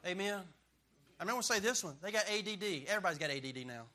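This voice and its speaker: A man's voice: high voice, expressive, quick pace, sharp tone. A middle-aged man preaching a sermon as a pastor, emphatic and punchy, joking and drawing call-and-response from the crowd.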